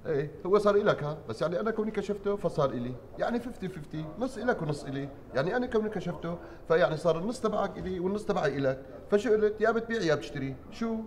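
An actor with a Syrian accent playing a scheming middle-aged clerk who cajoles and bargains craftily. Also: male voice, high-pitched, expressive, very fast. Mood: cajoling. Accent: Syrian Arabic. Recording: reverberant studio set.

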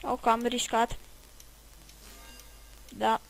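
A woman's voice: fairly high pitch, level tone, vocal fry, soft background music, rough recording. A woman giving rambling, chatty commentary while playing a video game, swearing at it now and then. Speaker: let's play gamer. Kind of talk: casual gameplay commentary.

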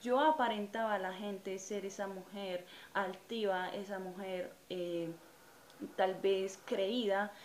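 A woman's voice: medium pitch, steady tone, slow pace. Earnest Colombian woman in an echoey room. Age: 30s. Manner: earnest, reflective, hesitant with frequent "eh" fillers. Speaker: channel host giving personal testimony. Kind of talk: personal religious testimony to camera. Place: small indoor room in front of a curtain. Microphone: camera or phone at close range. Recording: echoey room with faint ambient noise.

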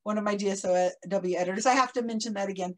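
A woman interviewing a podcast host in a casual chat, relaxed and laughing often as she reads out viewer comments. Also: medium pitch, very fast, poor audio.

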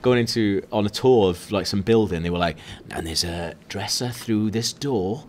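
A man's voice: lowish voice, normal speed, a little hiss or hum. A young man co-hosting a casual chat, rambling with lots of fillers and frequent laughter. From Wales. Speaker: podcast co-host.

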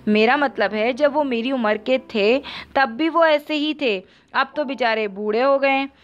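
A woman's voice: high voice, unhurried. A woman voicing a playful, stubborn young man who teases a woman in an audiobook novel. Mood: mischievous. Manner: teasing, mischievous. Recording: dull lo-fi audio.

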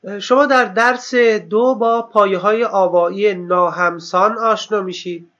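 Male teacher, high bright voice, exam review, slow stress on key terms, slightly muffled lo-fi audio. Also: fairly even intonation. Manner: stresses key terms slowly, asks and answers his own questions.

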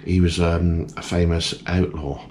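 A man's voice: low-pitched, little pitch movement, measured pace, a little mellow. A middle-aged man co-hosting a travel vlog, chatting casually and telling jokey, rambling stories. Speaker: travel vlogger co-host. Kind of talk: casual chat.

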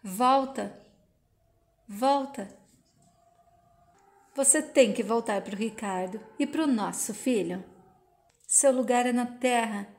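A woman's voice: fairly high pitch, slow, long pauses. A woman reading the lines of a young man's spirit who coaxes and urges. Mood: urging. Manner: coaxing, urgent. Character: departed young man's spirit, tender and insistent.

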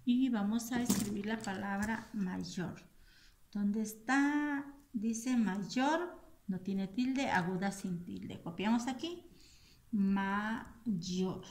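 A woman teacher, giving a recorded lesson to children and slowly repeating and spelling out each word. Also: a little high. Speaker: school teacher.

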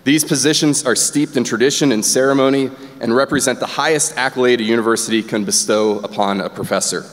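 A man giving a formal, emphatic ceremonial address from a podium as a university official welcoming students. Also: mid-range voice. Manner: emphatic, rallying the crowd. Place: large chapel auditorium on stage. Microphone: podium microphone. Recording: long hall reverb with crowd noise. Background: faint crowd.

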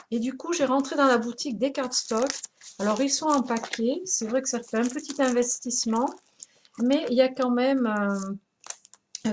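A woman's voice: fairly high pitch, slight background noise. A woman hosting a craft live stream, chatting casually, greeting viewers by name with many hesitations.

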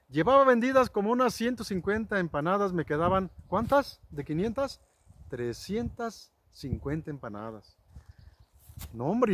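Brief: rambling storyteller, high voice, dry close sound. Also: male voice, dry recording. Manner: rambling, folksy, many restarts and asides to viewers. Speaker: vlogger telling ranch stories. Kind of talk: casual storytelling to camera.

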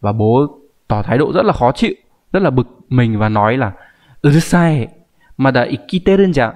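A man's voice: medium pitch, lively intonation, fairly quick, a little mellow. A man teaching a grammar lesson, explaining patiently and often checking in with the viewer. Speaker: Japanese language teacher.

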